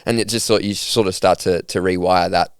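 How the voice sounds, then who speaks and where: A young Australian man with a low, smooth, resonant voice, chatting in a laid-back, upbeat way full of slang. The sound is close and dry. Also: steady tone, fairly quick, no room sound. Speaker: podcast guest. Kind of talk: casual conversational storytelling.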